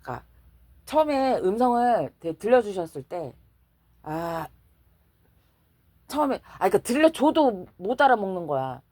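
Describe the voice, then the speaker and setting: A woman speaks as a church deaconess telling her faith story in a relaxed, conversational way. Her pitch rises and falls with lively expression, and she laughs easily as she acts out her prayers. The recording is dry, with no room echo. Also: moderate pace, long pauses. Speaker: church deaconess giving testimony. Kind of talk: casual personal faith testimony.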